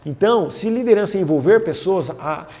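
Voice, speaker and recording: A man's voice: sits high, lively intonation, brisk, mellow. A man giving a leadership lesson, asking rhetorical questions and answering them himself, repeating key phrases for emphasis. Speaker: leadership lecturer, host of the series. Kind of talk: talking-head lesson on management.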